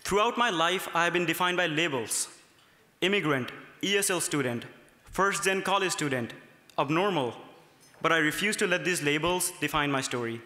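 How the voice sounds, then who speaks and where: An earnest young adult man from Nepal, a student speaker, gives a prepared speech at a gala from a podium, reading from notes into the podium microphones. His voice is on the high side and sharp, with lively intonation at a moderate pace, and the large ornate hotel ballroom adds long reverb.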